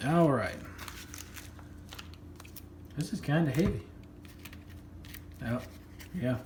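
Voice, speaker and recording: A man's voice: fairly high pitch, very slow, a little mellow, reverberant, slight background noise. A man chatting casually while opening a package, rambling and repeating himself as he goes. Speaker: coin collecting vlogger. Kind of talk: casual unboxing chat.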